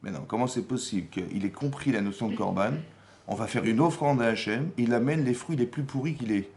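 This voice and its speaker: Man, rabbi teaching a Torah class, lively voice that rises and falls, rhetorical questions, acted-out dialogue. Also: medium pitch, brisk, slight background noise. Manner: animated, acts out quoted dialogue, rhetorical questions. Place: Paris community hall.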